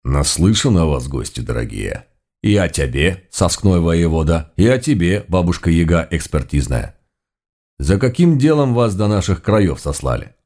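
A man's voice: deep voice, sing-song, normal speed, darkish tone, heavily acted. A man voicing a shrewd, commanding middle-aged governor, speaking in old-fashioned courtly phrases with a dialect touch. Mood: grand.

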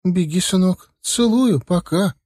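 A flustered middle-aged mother on the phone, put on by a male audiobook narrator. Her voice sits well above his own, soft and hesitant, picking her words. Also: high voice, a little slow, voice pushed up.

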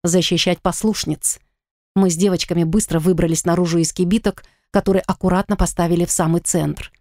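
A woman narrating a first-person fantasy audiobook in an expressive, dramatic reading. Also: fairly low pitch, quick pace, dry recording, clean studio sound.

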